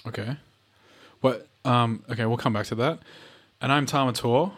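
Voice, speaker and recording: Male podcast co-host, Australian, medium pitch with vocal fry, joking and ready to bicker. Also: moderate pace. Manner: jokey, sweary, argumentative. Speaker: true crime podcast co-host. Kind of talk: casual banter.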